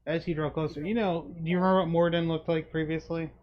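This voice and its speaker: A man's voice: on the high side, flat delivery, fast. A man narrating a tabletop game as game master, describing scenes to his players. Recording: dull sound with faint noise.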